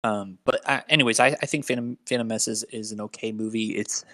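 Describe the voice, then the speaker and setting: A man's voice: on the low side, fairly even intonation, quick pace, pushed and bright, no room sound. A young man co-hosting a casual podcast chat, rambling with lots of fillers and restarts. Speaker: podcast co-host.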